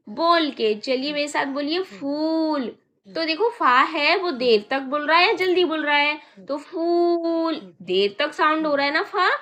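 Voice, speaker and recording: Woman teacher for small children: high, bright, slow, patient, repeats and asks questions. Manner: coaxing, repeats words slowly and asks questions. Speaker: primary school Hindi teacher.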